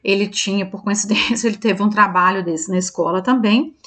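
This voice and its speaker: A woman's voice: mid-range voice, brisk, fairly bright tone. A woman teacher with a Brazilian Portuguese accent, going over quiz answers in an online lesson and often checking in with her students. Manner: chatty, checks in with listeners often; self-correcting, thinks aloud.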